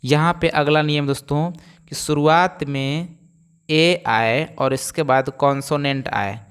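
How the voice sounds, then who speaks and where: Clear-voiced male teacher. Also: a little high, measured pace, fairly bright tone. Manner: explains step by step, asks and answers his own questions. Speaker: English teacher. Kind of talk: spoken phonics lesson.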